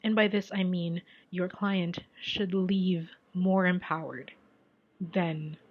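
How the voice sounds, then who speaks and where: A Filipino woman, a native Tagalog speaker from the Philippines, gives casual advice as a tarot reader in a fairly low, steady voice at a slow pace. She repeats phrases for emphasis and often drops to a near whisper, and the audio sounds dull.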